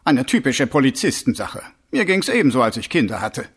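A man's voice: medium pitch, big pitch swings, a little fast, breathy edge. A man voicing a middle-aged male watch sergeant who rambles and hesitates, full of ums and restarts, in a storybook reading. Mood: musing.

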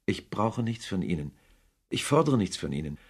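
A man voicing an earnest, warm-hearted young man who pleads with his uncle in a storybook reading. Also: sits low, big pitch swings, normal speed, slightly rough, full character voice.

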